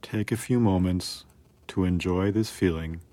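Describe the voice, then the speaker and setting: A man calmly narrating a scripted guided relaxation in a soothing, measured way with long pauses. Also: low-pitched.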